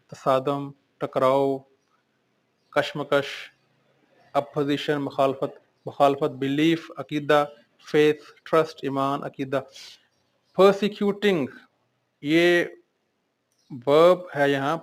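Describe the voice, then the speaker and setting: A male English teacher going through a vocabulary lesson in Urdu, reading out each word and then listing its synonyms and meanings. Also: fairly high pitch.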